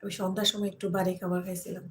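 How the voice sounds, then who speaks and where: A woman's voice: medium pitch, little pitch movement, very fast, a little hiss or hum. A woman chatting casually with viewers on a live stream, reading out comments and addressing them by name in a homely way.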